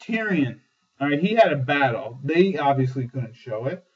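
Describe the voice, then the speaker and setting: A man hosting a casual TV episode review, excitable and swearing often, with lots of fillers. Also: mid-range voice, moderate pace, a crowd in the background. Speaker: host. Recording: dull lo-fi sound, distant mic.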